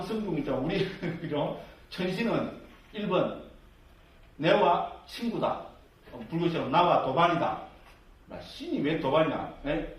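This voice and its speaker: A man with a slightly high voice lectures lay believers on Buddhist scripture, tossing in tag questions, rhetorical questions and the odd joke. He sounds far from the microphone. The big hall around him rings with heavy echo. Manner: jokey asides. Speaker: Buddhist dharma teacher. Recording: very echoey hall, mic far off.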